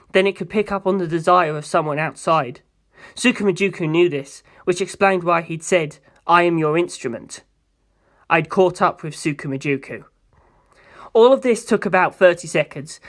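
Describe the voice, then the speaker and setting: In an amateur audiobook, a mid-pitched narrator reads a first-person novel aloud. It is scripted storytelling, delivered line by line.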